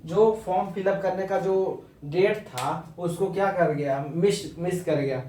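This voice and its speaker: An English vocabulary teacher gives an informal lesson in an echoey room, explaining slowly in a blend of Hindi and English and repeating and spelling out the words. His voice is high and warm, picked up from a distance with a little hiss or hum.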